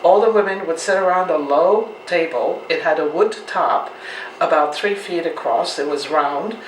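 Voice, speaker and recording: A woman's voice: low-pitched, moderate pace. A woman gives a patient, homely cooking demonstration. Her voice is picked up from a distance in a roomy, echoing kitchen. A faint hiss sits behind her. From Turkey. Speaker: home cook.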